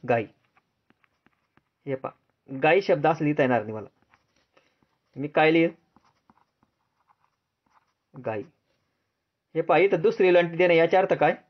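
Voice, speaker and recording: A man's voice: unhurried, pauses often. Dull-sounding Marathi man teaching grammar. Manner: repetitive, drills with questions and answers; answers drop low and soft. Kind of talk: grammar lesson for exam students.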